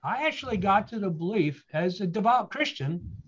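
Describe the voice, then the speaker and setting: A man's voice: high voice, animated, moderate pace, lo-fi sound. A man telling his story with earnest motivational emphasis. He asks rhetorical questions and repeats key phrases. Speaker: guest speaker.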